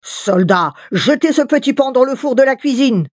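Bossy fairy-tale king played by a woman, barking indignant commands, husky, lively pitch. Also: moderate pace, no echo, studio quality.

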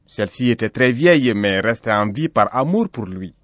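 A man narrating a folktale slowly and expressively. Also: medium pitch, no echo. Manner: slow, expressive. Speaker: storyteller.

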